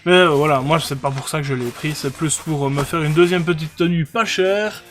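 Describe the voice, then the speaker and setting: A man's voice: a little high, a little fast, soft background music. Hesitant man reviewing gear. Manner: hesitant, many fillers and restarts. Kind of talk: casual product review.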